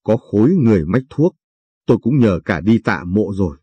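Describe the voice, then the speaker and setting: A man reading the lines of a poor grieving peasant father in a radio story, quiet and plain-spoken. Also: fairly low pitch, animated, moderate pace, breathy edge, no echo, highs cut off. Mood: weary.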